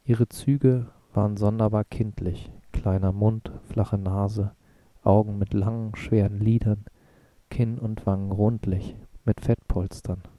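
A man reading an audiobook in a measured, even way. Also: fairly low pitch, no echo, highs cut off. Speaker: narrator. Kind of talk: audiobook narration.

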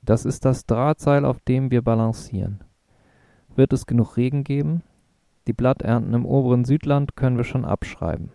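A man's voice: medium pitch, normal speed, gravelly, mellow, no room sound, clean studio sound, close to an everyday voice. A man voicing a sober, worried ecologist. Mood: serious.

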